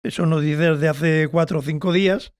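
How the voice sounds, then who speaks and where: A man, a biographer, speaking as an interview guest in an earnest, measured way and often agreeing. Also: a little high, steady tone, clear, resonant tone, no echo, studio quality. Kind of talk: casual conversational interview.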